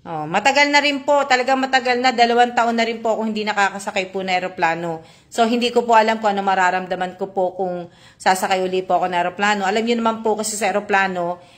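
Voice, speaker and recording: On a live stream, a Filipina woman reads out viewer comments at a quick clip in a steady, medium-pitched voice. She keeps it polite and chatty, full of fillers and tag questions.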